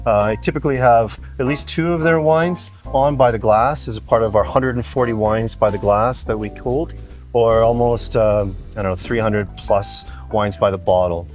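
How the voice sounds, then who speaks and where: A man talking as a wine director in an interview, measured and knowledgeable about his wines. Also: mid-range voice, faint music behind. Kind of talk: interview guest. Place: restaurant.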